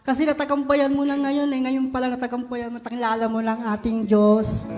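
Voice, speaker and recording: High-voiced woman as prayer meeting leader, affirming and responsive, with soft music underneath. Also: flat delivery, a little fast. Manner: affirming, responsive, calls on the next speaker. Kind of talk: leading testimonies at a prayer meeting.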